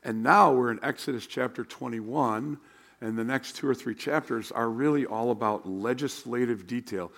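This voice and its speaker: An American man preaching as a pastor in a hoarse, worn voice, speaking in a plain, conversational way. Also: mid-range voice, normal speed, fairly bright tone. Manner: plain-spoken, conversational, rhetorical questions. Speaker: pastor teaching a Bible class. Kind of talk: sermon with spoken prayer and teaching.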